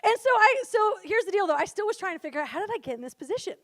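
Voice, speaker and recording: A young woman in her twenties with a very high voice tells a funny story about herself at a retreat. She is chatty and casual, drops "like" constantly and keeps breaking into laughter. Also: very animated, very fast, a bit bright. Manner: chatty, full of "like", laughs often while telling. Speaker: retreat speaker. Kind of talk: humorous personal storytelling.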